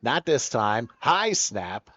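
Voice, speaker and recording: A man calling play-by-play for a football game, building excitement as the plays unfold. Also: medium pitch, slow pace, no echo, highs cut off. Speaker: play-by-play announcer. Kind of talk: sports play-by-play commentary.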